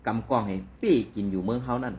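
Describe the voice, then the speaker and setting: A man giving conversational news commentary in an animated, rambling way, with frequent fillers. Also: fairly low pitch, quick pace, slight background noise.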